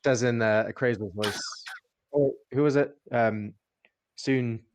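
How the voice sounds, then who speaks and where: A man's voice: mid-range voice, fairly even intonation, a little slow, a little mellow, dull audio, a little hiss or hum. A man playing a tabletop game, chatting casually and describing what his character does.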